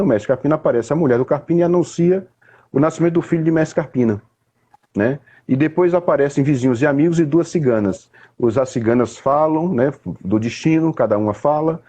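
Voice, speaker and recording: Homem brasileiro de voz suave e rouca, didático. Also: male voice, fairly high pitch, expressive, mellow, husky. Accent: Brazilian. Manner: didactic, unhurried, with frequent restarts and "né?" tags. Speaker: poet explaining literature. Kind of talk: casual conversation.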